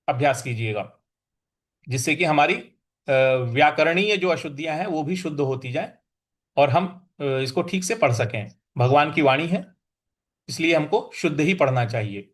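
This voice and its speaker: Male recitation teacher, high voice, slow deliberate chanting drills with quick explanations. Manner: chants verse slowly, then explains rules quickly.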